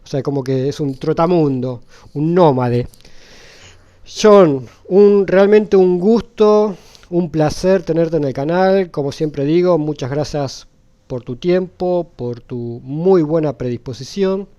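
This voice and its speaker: A man hosting a channel, greeting his audience and interviewing a guest in a friendly, drawn-out way. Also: a little high, dark tone, lo-fi sound. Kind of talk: casual interview.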